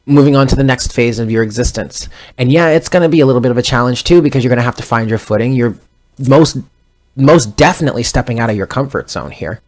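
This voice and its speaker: Here a thirty-something man with a mid-range voice speaks fast while doing a laid-back tarot reading, wandering off in conversation and fixing his own words mid-sentence.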